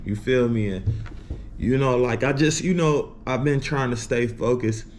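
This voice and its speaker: A man's voice: medium pitch, unhurried, darkish tone, a little hiss or hum. An American man from Illinois talking casually and slangily to vlog viewers, slightly lispy from wearing a retainer. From Illinois, United States. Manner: slangy, punctuates phrases with repeated filler tags. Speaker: vlogger.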